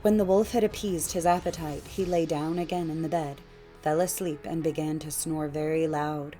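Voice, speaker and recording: A woman reads a fairytale as an audiobook narrator. Her telling is measured and expressive, with faint music underneath. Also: low-pitched.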